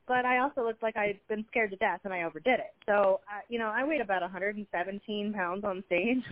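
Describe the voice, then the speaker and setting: A fitness competitor appears as a guest in a casual chat, speaking in a medium-pitched voice. She's rambling and chatty and laughs easily, and the recording sounds dry and slightly dull.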